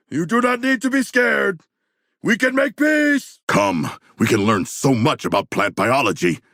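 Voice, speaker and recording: A male actor voicing a huge, earnest, literal-minded shark-man warrior in a video game, with a deep, gravelly voice and formal, stilted phrasing. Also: fairly bright tone, no room sound, studio quality, full character voice. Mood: battle fury. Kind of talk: video game character voice lines.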